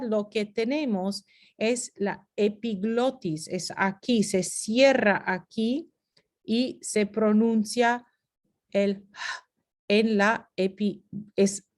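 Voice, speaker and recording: Slow, explaining woman teaching phonetics. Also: medium pitch. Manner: explains step by step, slips into English asides. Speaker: Spanish teacher. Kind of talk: lecture over slides.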